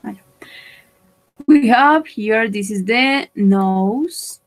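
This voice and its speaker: Slow, careful woman teaching English. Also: on the high side, low-quality recording. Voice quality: slow, careful explaining with repetition. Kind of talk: bilingual online English lesson.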